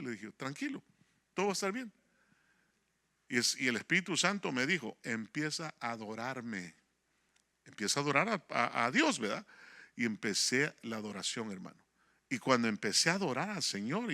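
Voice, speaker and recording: Male pastor, bright, gravelly, lively storytelling sermon. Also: fairly high pitch. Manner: storytelling, animated, acts out dialogue, addresses listeners as hermano. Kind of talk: sermon with personal testimony.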